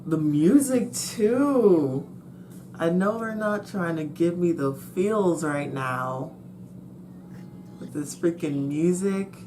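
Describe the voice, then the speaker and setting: A woman's voice: on the low side, expressive, takes it slowly, mellow, slight background noise. A woman giving spontaneous, casual reaction commentary as she watches, with a slight lisp from a retainer. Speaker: host of an anime reaction channel.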